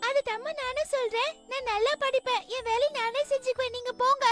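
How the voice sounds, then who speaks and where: Give me a woman doing a sulky cartoon schoolgirl who whines and complains, high and bright, with music behind her. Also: steady tone, a little fast. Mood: defiant. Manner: whiny and complaining. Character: stubborn young schoolgirl, sulky and defiant.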